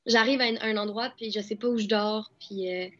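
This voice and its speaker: A woman's voice: mid-range voice, fairly even intonation, brisk, a bit bright. A young woman with a Québécois accent, an actress and dubbing artist, chatting casually in an interview with lots of fillers and restarts. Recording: dull lo-fi sound.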